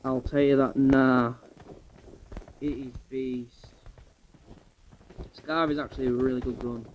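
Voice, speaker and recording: A man giving chatty, excitable gameplay commentary to his viewers. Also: mid-range voice, takes it slowly, lo-fi sound, noisy background. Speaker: gamer.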